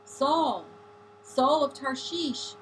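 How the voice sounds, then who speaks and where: A woman voicing a commanding divine male figure, calling out in a slow, resounding way. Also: high-pitched, lively intonation, slight background noise, full character voice, rough recording.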